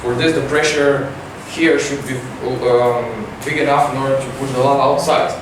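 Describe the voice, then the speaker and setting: A man's voice: medium pitch, fairly even intonation. Teenage boy presenting, echoey classroom. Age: teens. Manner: halting, many fillers. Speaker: student presenter. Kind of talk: science competition report. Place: large classroom with projector. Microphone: far camera. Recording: echoey room from far off, noisy.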